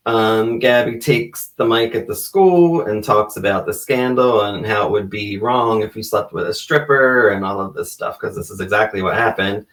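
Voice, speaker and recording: Chill guy with a lowish voice recapping a show, kinda far from the mic. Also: normal speed, few pauses, fairly bright tone. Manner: laid-back, short agreeing replies, laughs often. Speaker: podcast co-host. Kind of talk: casual recap chat. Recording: distant from the mic.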